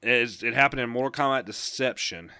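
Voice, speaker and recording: A man's voice: medium pitch, a little fast, bright, forceful tone, clear, resonant tone, no echo, clean studio sound. A young man co-hosting a casual gaming podcast, rambling and enthusiastic, laughing often. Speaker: podcast co-host.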